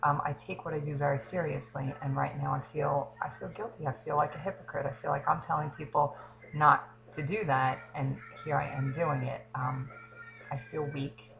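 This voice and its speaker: Gravelly-voiced woman, halting and emotional. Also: low-pitched, fairly even intonation, dull audio. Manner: hesitant, halting, frequent ums. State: emotional, near tears. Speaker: fitness coach. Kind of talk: confessional vlog.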